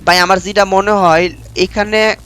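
A man's voice: high voice, level tone, measured pace, fairly bright tone, clear, resonant tone. A young man giving chatty let's-play commentary with a sore throat from a cold, repeating himself and calling viewers brother. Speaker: gameplay streamer.

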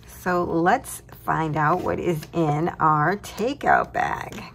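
A woman with a somewhat low voice talks slowly through a paper-craft project. She sounds cheerful and chuckles at her own remarks as she shows pieces at her tabletop desk. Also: sing-song, vocal fry, a bit bright, a little hiss or hum. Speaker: craft tutorial host. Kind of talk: relaxed crafting walkthrough.

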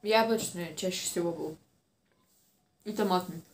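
A woman's voice: lowish voice, a little slow. A woman in her twenties chatting casually and a little hesitantly, chewing while talking as she eats. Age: 20s. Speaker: mukbang vlogger. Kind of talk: casual chat while eating. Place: small room indoors. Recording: roomy indoor echo.

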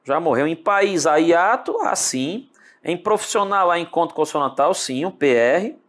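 A man with a Brazilian Portuguese accent teaching an online exam-prep lesson, speaking straight to the student and drawing words out slowly as he breaks them down. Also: fairly high pitch. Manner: animated, talks to the student directly with lots of tag questions; drawls words out slowly when spelling them.

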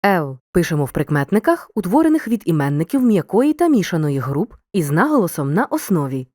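A woman reading a scripted video lesson as a teacher, giving examples in a clear, deliberate way. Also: lowish voice, sing-song, a little mellow, no echo, clean studio sound.

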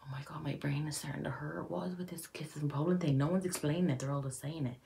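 Indoors at home, a young YouTuber from Ireland gives casual, playful reaction commentary with whispered asides. She talks fast in a low, mellow voice with a steady tone and vocal fry.

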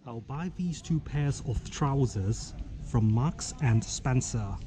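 A man's voice: medium pitch, lively intonation, takes it slowly, music in the background. A man from Hong Kong narrating a casual travel vlog in a matter-of-fact way with wry asides. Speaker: vlogger.

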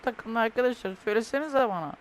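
A man's voice: very high-pitched, fast talker, slight background noise. A young man commentating his own football video game, ranting and complaining with lots of swearing. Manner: frustrated, swears often, rants and complains. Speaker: gaming youtuber.

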